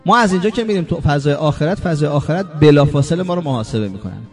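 A man delivering a religious sermon, asking rhetorical questions and swinging between loud emphatic points and low, hushed asides. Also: expressive, soft background music. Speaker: preacher.

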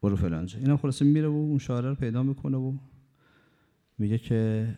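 A man preaching, telling a story in a conversational, lively sermon style. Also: medium pitch.

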